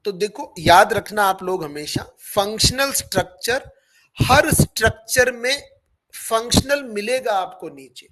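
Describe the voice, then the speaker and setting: High-voiced male Hindi tutor. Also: fairly bright tone, poor audio. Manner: explains with everyday examples, asks students questions. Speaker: teacher. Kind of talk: live online exam-prep class.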